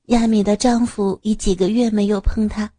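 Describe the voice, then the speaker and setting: A woman narrating an audio story in a smooth, steady reading voice. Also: medium pitch, moderate pace, no echo.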